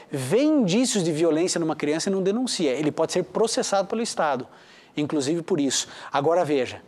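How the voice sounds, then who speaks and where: A man's voice: high voice, a little mellow. A Brazilian man, a theologian and educator, addressing viewers in a preaching style, emphatic and full of rhetorical questions. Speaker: theologian and educator giving advice.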